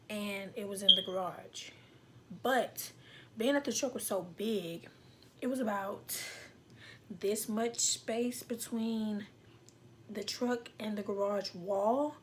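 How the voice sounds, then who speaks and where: A woman's voice: medium pitch, a bit bright, a little hiss or hum. A young woman vlogger tells a story dramatically, acting out voices and dropping into whispered asides. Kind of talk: animated storytelling.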